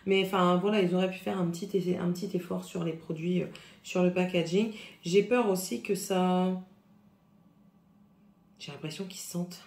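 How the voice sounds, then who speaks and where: A woman from France talks through her makeup favorites to camera in a loose, rambling way, full of little hesitations. Her voice has a slight husky roughness, and the sound bounces around an echoey room. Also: on the low side, steady tone, normal speed, pauses often, a little mellow. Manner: chatty, hesitant, many fillers, shows products. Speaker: beauty vlogger. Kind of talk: casual makeup review to camera.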